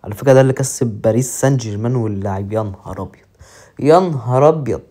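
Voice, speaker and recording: A man with an Egyptian accent commentating his own football game match with excited, joking play-by-play. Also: medium pitch, racing. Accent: Egyptian Arabic. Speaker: mobile football gamer.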